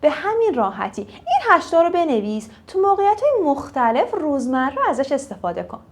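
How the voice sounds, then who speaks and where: Lively high-voiced woman teaching English. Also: slight background noise. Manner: lively, repeats English phrases slowly for learners. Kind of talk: casual language lesson.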